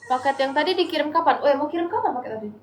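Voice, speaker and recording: A woman's voice: high voice, very fast, slight background noise. Tired, chatty young woman live-selling. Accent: Indonesian. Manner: chatty, pleading viewers for likes and gifts. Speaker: live-stream seller. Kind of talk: casual live-selling chat.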